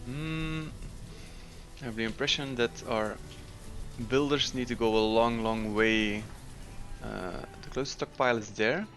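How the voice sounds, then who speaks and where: This let's-play commentator, whose first language is Dutch, thinks aloud through his gameplay at an easy pace, using frequent fillers. His voice is medium-pitched and slightly bright.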